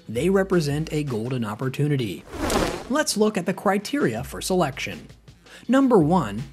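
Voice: medium pitch, a little mellow. A narrator reading a scripted explainer on investing, moving steadily through a numbered list.

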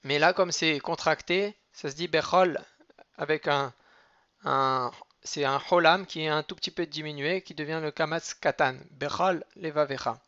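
A man giving a cantillation lesson, chanting verses slowly and then explaining each word with careful repetitions. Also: a little high, pushed and bright, clear, resonant tone, no echo, dull audio. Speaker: teacher of Torah reading.

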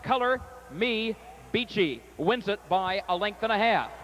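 High-voiced male harness race caller. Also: poor audio. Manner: rapid crisp calling, rising excitement in stretch. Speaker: race announcer. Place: outdoor racetrack.

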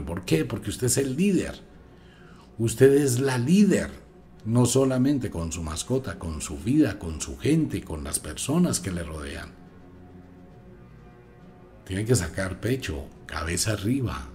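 A man giving an emphatic, preachy radio talk as host, moving between loud and hushed delivery. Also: on the low side, sing-song, takes it slowly, faint music behind. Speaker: radio host, magic teacher.

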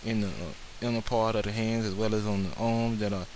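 Guy with a lowish voice walking through a barber lesson, earnest, says uh a lot, bit of hiss behind. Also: steady tone, a little fast, darkish tone, low-quality recording. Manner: earnest, many "uh" fillers. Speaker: barber instructor. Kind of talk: narrated slideshow lesson.

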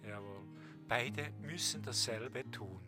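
A man's voice: mid-range voice, slow. A man giving unscripted nature documentary commentary, explaining things in short, simple phrases. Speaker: narrator. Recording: music behind the voice. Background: music.

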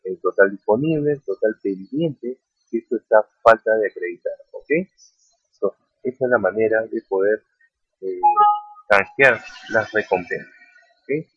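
This online earning vlogger narrates over a screen capture at his computer, guiding viewers through a website, checking in with "ok?" and addressing them as friends. He speaks unhurriedly in a lowish, breathy voice. The dry, tinny, phone-like audio has no room sound, just faint music underneath.

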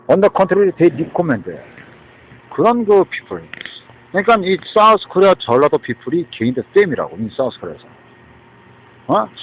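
Guy rambling on and on, keeps going "huh? right?", husky voice, sounds like a phone line. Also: on the high side. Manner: mixes English words into speech, keeps asking "huh?" and "right?". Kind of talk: rambling monologue.

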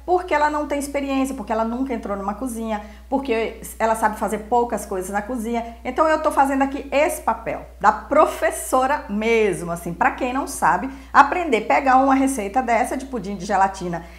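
A woman's voice: a little high, lively intonation, brisk, hardly any pauses. A woman in her forties hosting a cooking show in a home kitchen, teaching step by step in a patient, repetitive way.

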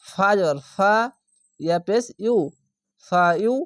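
Teaching Quran reading step by step, a man with a high voice speaks slowly, with no room sound. He sounds out every letter and syllable, repeats them, and draws out the vowels before combining them into words.

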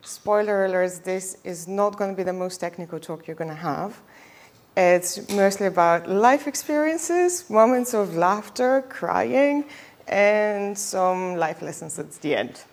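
A young Bulgarian woman gives a conference talk on a headset mic in a lecture hall with a projector screen. Her medium-pitched voice is expressive and a little slow, and she's chatty and casual, full of ums and self-deprecating asides.

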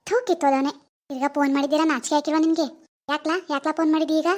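In a cartoon, a woman plays an angry middle-aged village mother who furiously scolds her son, firing off insults and rebukes in rapid succession. Her high, darkish voice is delivered flatly and only lightly acted.

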